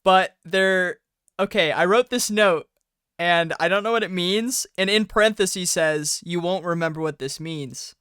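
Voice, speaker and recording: A man's voice: sits high, a little slow, fairly bright tone, smooth, no echo, studio quality. A man co-hosting a movie podcast from his own mic on a remote call, chatting with wry jokes. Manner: jokey, wry asides. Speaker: podcast co-host. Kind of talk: casual chat. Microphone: own mic over a remote call.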